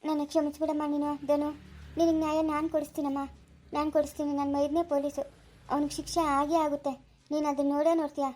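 A woman acting in a homemade family drama who speaks apologetically and comfortingly. Her voice is high and her delivery quick. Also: little pitch movement, a little mellow. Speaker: family channel actor.

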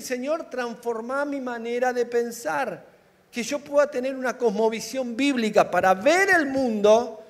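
An Argentine pastor delivers a sermon with a high, very lively voice. His humor is animated, and he slips into quick back-and-forth scenes to make his point. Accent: Argentine Rioplatense Spanish. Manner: animated, humorous, acts out little dialogues.

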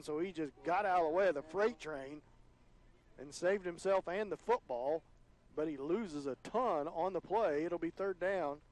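Excitable play-by-play football announcer. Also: male voice. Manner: rises in pitch and volume on big plays.

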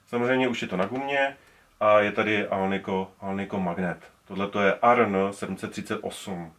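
A man's voice: fairly low pitch, fairly bright tone. A man in his forties casually showing his collection, rambling with many restarts as he handles the gear indoors. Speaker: speaker collector. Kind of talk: casual show-and-tell. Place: indoor room full of speakers.

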